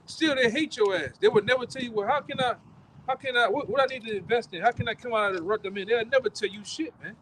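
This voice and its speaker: Man, street preacher, very high voice, forceful and repetitive, faint street noise. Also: fast, low-quality recording. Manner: forceful, repetitive, profane, ends phrases with "man". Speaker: street preacher leading the camp.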